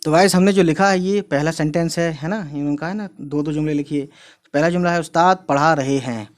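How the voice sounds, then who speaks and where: A man's voice: on the high side, a little fast. A man teaching a class, going through words one by one and often checking with "theek hai" as he explains. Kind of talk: casual classroom lesson.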